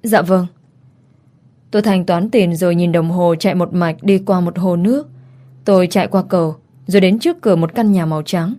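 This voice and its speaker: Lady narrating a scary story, steady n unhurried, mellow warm voice. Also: fairly low pitch. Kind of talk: scripted first-person story narration.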